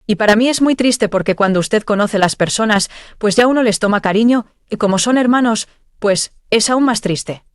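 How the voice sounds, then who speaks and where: A woman's voice: medium pitch, moderate pace, dry recording, clean studio sound. A woman telling of a dream vision at church, earnest and heartfelt. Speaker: church member giving testimony.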